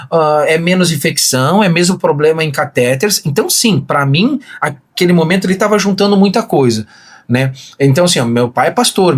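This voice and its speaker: A pastor tells his story with a lot of feeling and acts out the voices in it. His voice sits high and swings widely up and down. The tone is husky. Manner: animated storyteller, acts out quoted dialogue. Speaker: pastor, podcast guest. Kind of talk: emotional testimony in casual conversation.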